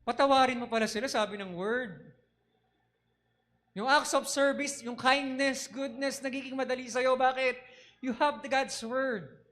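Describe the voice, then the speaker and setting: A man preaching a sermon in an animated way, switching between Tagalog and English and asking the congregation questions. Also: very high-pitched, measured pace.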